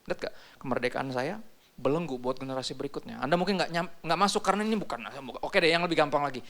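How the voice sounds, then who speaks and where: A man's voice: on the high side, racing, a bit bright. A male pastor, preaching a sermon in a casual, joking, slangy way.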